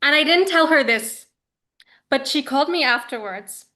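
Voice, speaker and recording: A woman in her thirties tells a personal spiritual story as an interview guest. Her voice sits a little high. She speaks earnestly and chattily, with frequent fillers and quick restarts. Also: animated, pushed and bright. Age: 30s.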